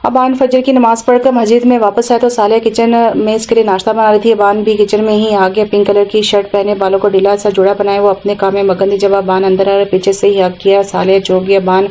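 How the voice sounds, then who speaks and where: A woman narrating an audio novel in an even, unhurried reading. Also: medium pitch, poor audio.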